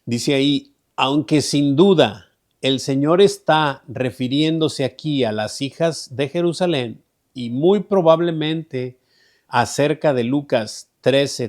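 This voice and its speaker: A man's voice: a little high, darkish tone. A man teaching an online Bible study in a conversational way. He often repeats himself and checks in with "¿verdad?". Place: online group meeting.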